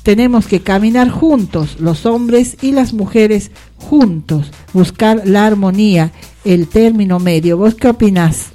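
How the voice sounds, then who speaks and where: A woman's voice: medium pitch, measured pace, dark tone, soft background music. A woman hosting a radio talk show, giving her opinions in broad, sweeping appeals. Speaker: radio host.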